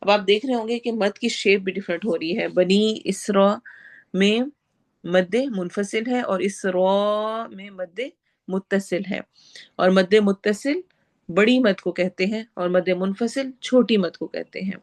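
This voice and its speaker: Slow, patient woman teaching Quran recitation. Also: medium pitch. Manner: slow, patient, recites a phrase then explains it. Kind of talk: tajweed lesson.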